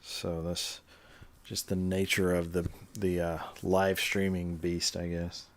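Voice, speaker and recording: A man's voice: deep voice, completely flat delivery, slow. A man casually chatting on a livestream while stitching, explaining his steps and answering the chat. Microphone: webcam livestream setup.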